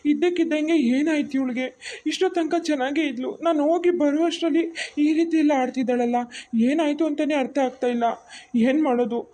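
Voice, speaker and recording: A woman voicing a calm, caring young husband in a cartoon, who speaks in a soothing, reassuring way. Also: high voice, close to an everyday voice.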